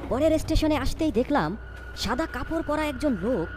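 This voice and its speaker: A woman with a high voice and lively intonation plays a young, nervous narrator swept up in spooky happenings in a scripted cartoon ghost story, delivering narration and dialogue dramatically, full of wonder and unease. She speaks at a moderate pace over a noisy background.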